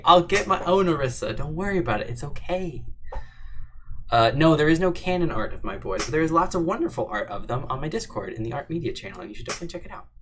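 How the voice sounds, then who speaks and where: A man's voice: medium pitch, a bit bright, slight background noise. A young man hosting a casual livestream Q&A, reading chat aloud, bantering and laughing often. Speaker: livestream host answering chat.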